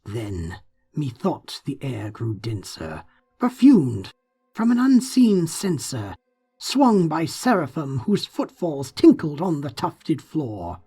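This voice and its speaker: A man narrating gothic poetry in a theatrical, brooding manner, with deliberate phrasing. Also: fairly high pitch, wildly swooping pitch, mellow, breathy edge. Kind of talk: dramatic gothic poetry reading.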